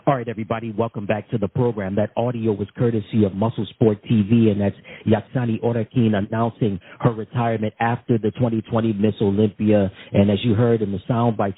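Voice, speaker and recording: A man's voice: on the low side, slight background noise. A man hosting a radio-style interview, wordy and rephrasing his questions several times. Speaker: host. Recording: tinny phone-like audio.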